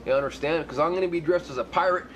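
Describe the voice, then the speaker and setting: A man's voice: a little high, rapid-fire, dull audio, a crowd in the background, natural voice. An actor playing a demanding, self-important man in a comedy drama, speaking bluntly. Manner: blunt, insistent. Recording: noisy ambient background.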